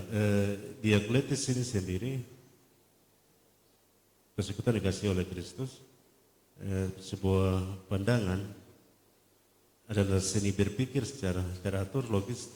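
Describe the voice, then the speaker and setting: A male pastor with a very low voice lays out his teaching in a measured, explanatory way, pausing on hesitant fillers. The church hall around him is roomy, with a long reverb trailing each phrase. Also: darkish tone.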